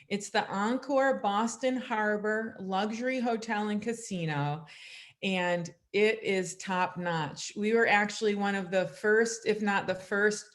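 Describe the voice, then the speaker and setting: Enthusiastic woman pitching a tour. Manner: enthusiastic, selling. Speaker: guest tour operator. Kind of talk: promotional presentation. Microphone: video call.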